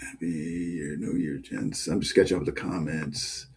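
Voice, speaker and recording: A man's voice: extremely low pitch, steady tone, moderate pace, a little mellow, slight background noise. Guy hosting a podcast, rambling casual chat, laughs a lot. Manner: chatty, laughs often, many fillers. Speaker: podcast host.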